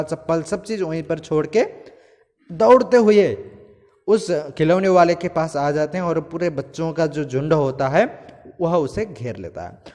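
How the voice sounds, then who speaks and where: A man teaching a class, walking through a story step by step, glossing hard words and often pausing to check in. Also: high voice, darkish tone. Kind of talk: explaining a textbook story to students. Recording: long hall reverb.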